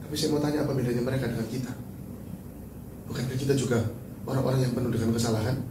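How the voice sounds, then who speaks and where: A man preaching a sermon as pastor, animated and joking, then dropping to soft, tearful tones. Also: mid-range voice, racing, noisy background. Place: large church hall. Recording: echoey church hall from far off.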